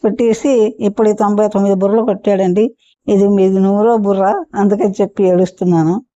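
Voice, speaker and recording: A woman's voice: medium pitch, fairly even intonation, fairly quick, dark tone, dry recording, natural voice. A woman storyteller voicing a fed-up, scheming poor housewife who complains plaintively, in a dull, muffled recording.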